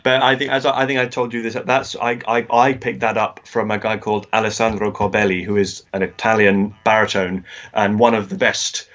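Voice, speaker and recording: A man's voice: fairly low pitch, level tone, fairly quick, few pauses, fairly bright tone, muffled recording. A male singer and singing teacher, a guest on a video-call interview, explaining technique with many restarts and fillers.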